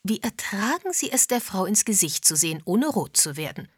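A woman reading an audiobook, voicing a brisk, pushy middle-aged sleuth who speaks bluntly. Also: mid-range voice, big pitch swings, slightly rough, no room sound, studio quality.

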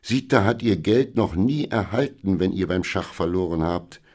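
A man's voice: sits low, lively intonation, moderate pace, darkish tone, voice pushed up. A man voicing an indignant, grumbling treasurer, in a storybook reading. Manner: incredulous, grumbling. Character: grumbling middle-aged male treasurer, indignant.

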